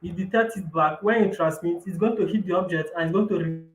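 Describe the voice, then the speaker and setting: A man on a bad video-call connection that keeps cutting out, explaining his invention in an apologetic, halting way. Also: sits high. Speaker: guest presenting an invention. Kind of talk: show-and-tell explanation on a call. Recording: echoey, choppy call audio.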